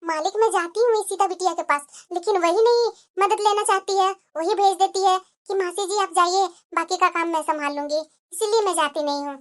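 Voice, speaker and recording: A woman's voice: extremely high pitch, a little fast, few pauses. A woman voicing a loyal, kind middle-aged maid in a cartoon, speaking humbly and soothingly. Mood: deferential. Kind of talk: cartoon voice acting.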